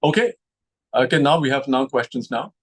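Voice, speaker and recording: A man with an ordinary, mid-range voice hosts a video call, eager and quick to repeat his words. He sounds pleased and ready to take questions, speaking through a computer mic. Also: medium pitch, husky. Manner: eager, repeats himself when excited. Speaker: lead ambassador hosting a video call. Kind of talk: casual video call talk.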